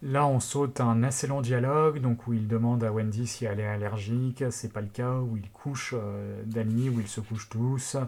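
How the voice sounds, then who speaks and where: A man's voice: medium pitch, fairly even intonation, moderate pace, hardly any pauses, a little mellow. A man co-hosting a podcast, explaining in a casual, teasing way with hesitant fillers. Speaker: podcast co-host.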